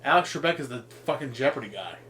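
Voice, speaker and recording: A man's voice: mid-range voice, lively intonation, fast talker, bright, forceful tone. A man co-hosting a casual podcast, rambling through a list with frequent ums, swearing and laughing at his own jokes. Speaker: podcast co-host.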